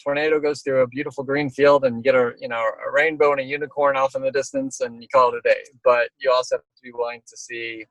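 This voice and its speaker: A man's voice: mid-range voice, flat delivery, fast talker, hardly any pauses, fairly bright tone, no echo, low-quality recording. A middle-aged man speaking as an interviewed storm chaser, casual and reflective, talking in rambling stop-start phrases.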